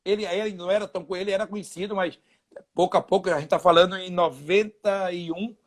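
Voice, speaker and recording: A man's voice: sits high, fairly even intonation, quick pace. A Brazilian man in his fifties, a former footballer, telling anecdotes in a casual interview with quoted dialogue.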